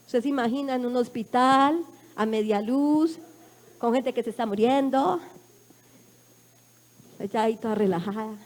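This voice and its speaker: Mujer colombiana predicando con voz aguda. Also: female voice, high-pitched. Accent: Colombian Spanish. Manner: emotional, dramatic storytelling with swings from hushed to loud. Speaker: preacher giving testimony. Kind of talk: sermon testimony. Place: church.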